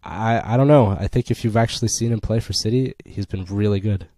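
A man's voice: fairly low pitch, brisk, mellow, no room sound. A young man co-hosting a casual football podcast, opinionated and sarcastic as he argues his picks. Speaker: podcast co-host.

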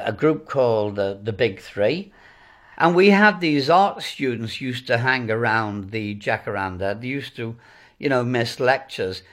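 A man with a Welsh accent, a former club owner and band manager, recalling old times in an interview with a dry, wry storytelling manner. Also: medium pitch.

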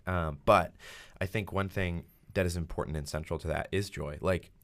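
A man with a deep voice that often drops into fry talks in an easy, rambling way as a podcast host. He leans on fillers and raises his voice to act out quotes. The tone is casual conversation about faith. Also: normal speed. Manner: relaxed, many fillers, acts out quotes in a raised voice.

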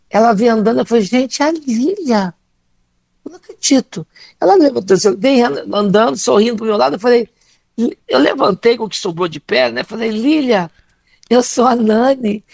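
A woman's voice: fairly high pitch, gravelly, darkish tone, dry recording. A middle-aged woman from Minas Gerais with a Brazilian Portuguese accent, telling stories as a comedian guest, laughing often and acting out the dialogue. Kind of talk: animated anecdotal storytelling.

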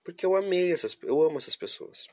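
A man's voice: on the high side, expressive, quick pace, a little mellow, no echo. Stuffy-nosed man from southern Brazil. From Curitiba, southern Brazil. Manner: rambling, talks straight to viewers. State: stuffy nose from a cold. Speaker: vlogger. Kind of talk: casual confessional monologue.

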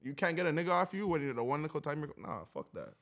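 A man's voice: a little high, very animated, fast, vocal fry, fairly bright tone. A young adult man, chatting casually in street slang as a podcast co-host. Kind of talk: casual chat.

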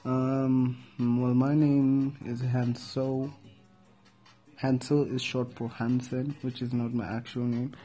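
A man's voice: medium pitch, little pitch movement, takes it slowly, dark tone, breathy edge, soft background music. A young man hosting a casual podcast, talking in a laid-back, slangy, rambling way with lots of fillers. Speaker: podcast host.

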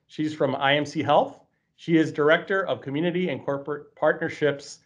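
Hosting an interview, this campus president keeps things friendly and relaxed, often repeating words and dropping in fillers. He speaks at a moderate pace in a fairly high voice with fairly even intonation, captured on slightly dull lo-fi audio.

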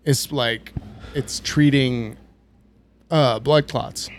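A young man co-hosting a podcast, cracking dry deadpan jokes in casual chat while he has the hiccups. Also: medium pitch, very slow. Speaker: podcast co-host.

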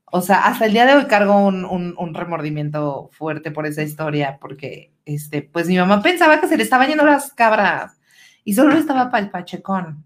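Lively Mexican woman telling a story. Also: fairly low pitch, normal speed. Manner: animated, laughs often, swears freely. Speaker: podcast co-host. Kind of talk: casual storytelling chat.

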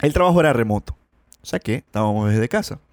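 Colombian male host, loose rambling storyteller, mid-pitched voice, dry close sound. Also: animated, fast talker, a little mellow, no echo. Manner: rambling, slangy, frequent restarts. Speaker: podcast host. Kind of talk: casual storytelling monologue.

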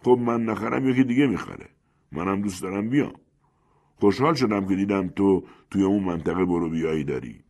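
A man's voice: low voice, darkish tone, slightly rough. A man voicing a sly shopkeeper with a wry, knowing manner. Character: sly shopkeeper telling a tall tale.

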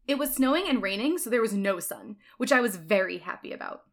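A woman's voice: mid-range voice, expressive, fairly quick. A woman reading a fan fiction aloud, narrating in a mock-earnest, dramatic way. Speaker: reader.

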